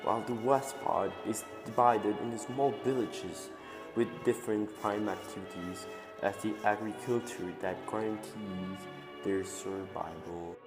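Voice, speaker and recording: A man's voice: lowish voice, fairly even intonation, unhurried. Man narrating an old newsreel, echoey. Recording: roomy long reverb over clear music.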